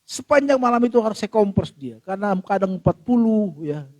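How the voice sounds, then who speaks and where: A middle-aged male pastor preaching a sermon, telling a personal story with emotion and often addressing the congregation, swinging from loud to hushed. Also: high-pitched, lively intonation, fairly quick, dry recording.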